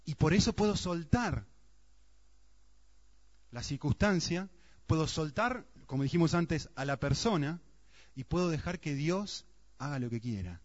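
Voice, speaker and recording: Earnest preacher, muffled sound. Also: male voice, fairly high pitch, expressive, unhurried, long pauses. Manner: earnest, asks the congregation rhetorical questions. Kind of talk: sermon.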